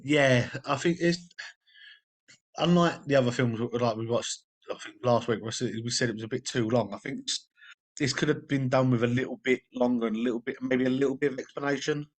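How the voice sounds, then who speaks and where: A young man co-hosting a casual film review podcast, easygoing and halting, with frequent restarts. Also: medium pitch. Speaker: podcast co-host.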